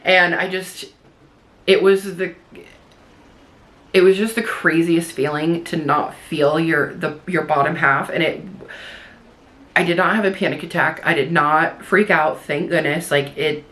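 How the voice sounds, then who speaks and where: A woman's voice: deep voice, fairly even intonation, a little slow, long pauses, fairly bright tone. A young woman vlogger chatting in a rambling way while doing her makeup, full of likes and restarts. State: tearful at moments. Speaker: beauty vlogger.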